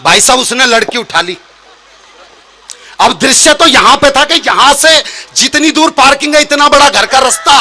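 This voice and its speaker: A young man telling a comic story on stage as a comic poet, animated and shouting out his punchlines. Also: extremely high pitch. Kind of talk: live humorous storytelling on stage. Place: stage at a poetry gathering.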